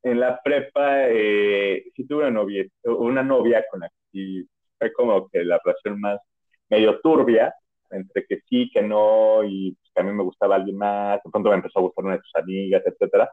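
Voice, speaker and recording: A man's voice: lowish voice, steady tone, normal speed. A man with a Mexican accent telling personal stories on a podcast in a casual, rambling way, with many restarts and fillers. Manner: chatty, rambling, full of "o sea" and restarts. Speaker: podcast host. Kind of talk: casual storytelling. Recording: narrow phone-like audio.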